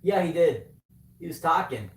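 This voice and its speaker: A man chats in an easygoing, joking way, his pitch rising and falling a lot. He sounds far from the mic in an echoing room, with light noise behind him. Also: expressive, normal speed, creaky. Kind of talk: casual chat. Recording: distant, echoey room.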